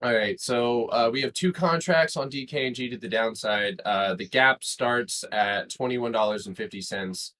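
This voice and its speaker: A man hosting a live stock trading stream, talking in excitable bursts with frequent swearing. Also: mid-range voice. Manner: excitable, swears and laughs, talks fast in bursts.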